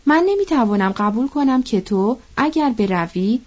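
Annette, a calm wise mother, as a woman reader voices her. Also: a little high, lo-fi sound. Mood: reasoning. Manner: gentle and reasoning. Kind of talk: audiobook reading.

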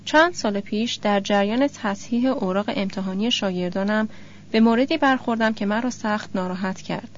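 A woman reading a self-help book aloud in a measured, even way. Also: mid-range voice, dull audio, slight background noise.

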